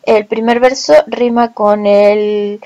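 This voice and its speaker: A woman teaching a recorded lesson, speaking slowly and deliberately and drawing out example words. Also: medium pitch, flat delivery, dark tone, muffled recording. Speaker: language teacher.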